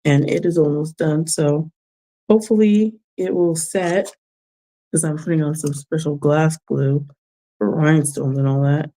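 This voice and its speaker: Slow, mellow-voiced woman chatting. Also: low-pitched. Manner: unhurried, reflective, chuckles often; gentle advice-giving. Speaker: vlogger giving life advice. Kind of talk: casual livestream chat while crafting.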